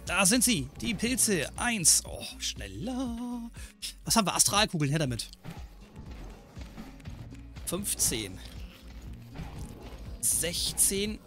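A man talks over his gameplay in a let's play, his voice sitting a little high and bouncing all over the place. He jokes along and scolds the game's enemies. Faint music plays underneath. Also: very animated, slow, pauses often, bright, forceful tone. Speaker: gaming channel host.

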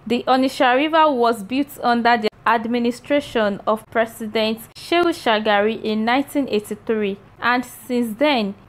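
A woman presenting an online news round-up, reading her script in an even, read-aloud way. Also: fairly high pitch.

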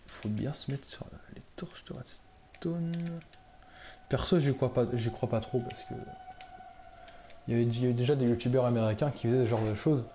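A man's voice: medium pitch, mellow, slight background noise. A man giving casual gameplay commentary, nervous and jumpy, swearing under his breath. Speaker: gamer and video host.

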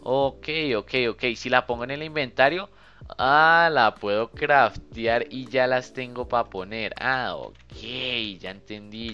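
A young man, giving casual, chatty commentary while playing a game and thinking out loud to his viewers. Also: on the low side, highs cut off. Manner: chatty, thinks aloud, often addresses viewers as "muchachos". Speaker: gaming youtuber.

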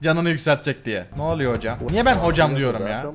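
A man's voice: a little high, animated, fast, a crowd in the background. A man commenting casually on funny game clips as the channel host. He laughs often, exclaims and repeats himself. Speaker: gaming video host.

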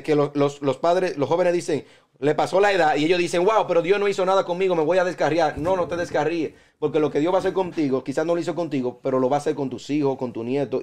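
Animated young male preacher. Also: fairly high pitch, quick pace. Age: young adult. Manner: animated storyteller, jokes and acts out voices. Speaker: youth preacher in panel talk.

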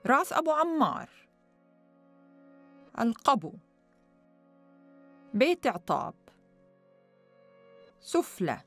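A woman slowly reciting a list of place names in a chanting way. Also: medium pitch. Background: faint music.

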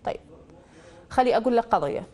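A woman's voice: fairly high pitch, expressive, quick pace, darkish tone. A woman with an Iraqi accent hosting a call-in astrology show. She quizzes a caller with probing questions, then gives confident pronouncements over a studio mic. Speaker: astrologer host.

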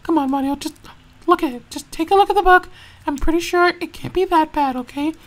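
A woman plays Mario, a jittery young racer who stammers and repeats himself over and over. His voice sits very high, and he frets aloud in a fan-made toy video. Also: brisk. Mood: anxious.

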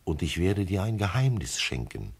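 A man voicing a wise, gentle male fox with a husky voice, speaking in a lively, heartfelt way in a classic radio play. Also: deep voice, moderate pace, heavily acted. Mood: wistful. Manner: lively, pleading, heartfelt delivery.

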